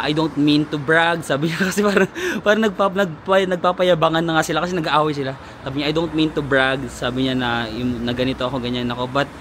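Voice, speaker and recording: A Filipino man vlogging outdoors from a handheld phone, telling a playful, gossipy story and mixing in English. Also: medium pitch. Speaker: travel vlogger. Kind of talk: casual vlog chat. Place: outdoors in a town in winter. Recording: faint street noise outdoors.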